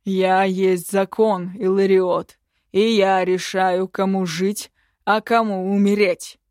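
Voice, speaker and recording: A woman voicing a domineering, cruel male emperor who gives slow, loud, imperious commands. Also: mid-range voice, level tone, no room sound, studio quality.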